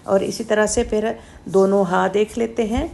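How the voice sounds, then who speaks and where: A woman teaching Quranic letter pronunciation, explaining slowly and demonstrating throat sounds with repeated drawn-out syllables. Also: mid-range voice, steady tone, gravelly, a little mellow. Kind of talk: slow step-by-step pronunciation lesson.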